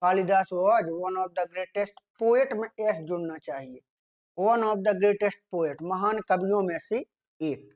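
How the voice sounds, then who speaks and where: Indian man, tutor, steady grammar explainer who reads examples slowly and checks in often. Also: high-pitched. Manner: repeats "theek hai" often, asks and answers his own questions; reads English sentences out slowly, as if dictating. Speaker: teacher. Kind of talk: exam grammar lesson.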